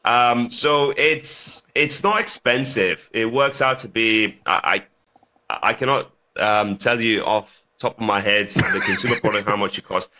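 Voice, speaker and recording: A man, born in Lithuania and raised in the UK, speaking haltingly as a guest on a radio talk show. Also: fairly low pitch, bright, forceful tone, a little hiss or hum. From United Kingdom. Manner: halting, restarts often, laughs easily.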